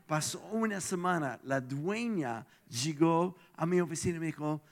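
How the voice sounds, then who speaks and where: Hoarse pastor, high gravelly voice. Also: male voice, moderate pace. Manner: animated, swings from shouts to hushed asides. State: tired, strained throat. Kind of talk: lively storytelling sermon.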